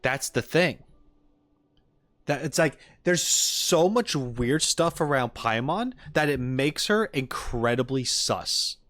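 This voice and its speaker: A streamer reacting to game videos chats casually with viewers, rambling and theorizing as he acts out other people's quotes with emphasis. His mid-range voice is animated and fairly bright, and he takes it slowly. There's no room sound.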